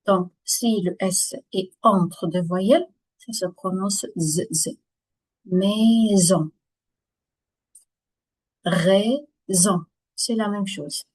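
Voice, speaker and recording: Woman, pronunciation teacher, very slow and careful delivery, slightly husky voice, repeats each word. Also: medium pitch, a little mellow, rough recording.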